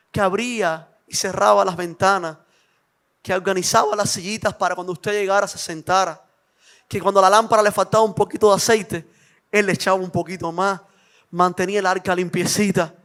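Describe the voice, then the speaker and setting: A man preaching a sermon, telling a Bible story dramatically and building to loud, fervent exhortation. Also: sits high, steady tone, normal speed. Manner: dramatic storytelling, acting out the characters' lines.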